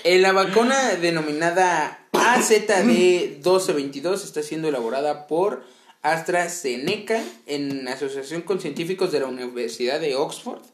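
A young man with a Mexican accent hosting a crude, joking chat and reading news out loud, laughing often. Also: fairly high pitch, normal speed, reverberant. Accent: Mexican Spanish. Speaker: podcast host reading news.

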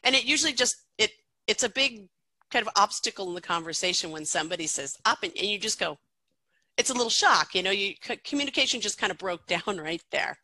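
Bright, dry-voiced middle-aged woman teacher. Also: medium pitch, lively intonation, brisk, no echo, rough recording. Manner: chatty, lots of fillers and restarts. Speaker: pronunciation teacher, guest. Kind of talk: explaining in an interview.

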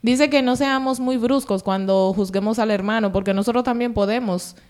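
A woman, speaking calmly and reflectively on a casual chat show, often drawing on scripture. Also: fairly high pitch, moderate pace. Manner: calm, reflective, preachy. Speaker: podcast co-host.

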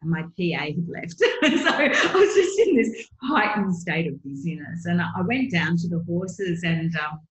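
A middle-aged woman tells her story as an interview guest, earnest and chatty with plenty of fillers. Her voice sits on the low side. The room around her sounds echoey. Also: expressive, measured pace, few pauses. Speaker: guest, horse coach.

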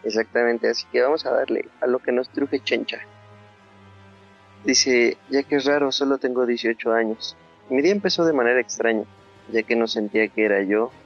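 A man's voice: medium pitch, moderate pace, faint music behind. A man with a Mexican accent hosting a podcast, reading a listener's story aloud and then chatting casually with plenty of swearing. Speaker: podcast host. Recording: dull, dry lo-fi sound.

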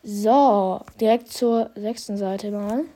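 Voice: mid-range voice, fairly even intonation, slow pace, mellow. A young podcast host with a congested, stuffy nose, chatting casually and reading out statistics in youthful slang. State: slight head cold. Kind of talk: casual year-in-review commentary, reading out statistics.

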